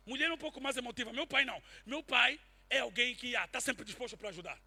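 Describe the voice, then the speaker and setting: A man preaching a sermon and telling a personal testimony, swinging from quiet asides to shouted peaks. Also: very high voice, quick pace, gravelly, slightly rough. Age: adult, married since 2010.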